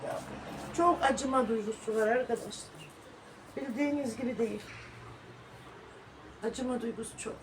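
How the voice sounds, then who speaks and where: Sorrowful middle-aged woman with a higher voice. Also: moderate pace, pauses often, background noise. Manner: prayerful, sorrowful, calls out sharply to her dog. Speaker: vlogger. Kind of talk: casual home vlog talk to viewers. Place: at home.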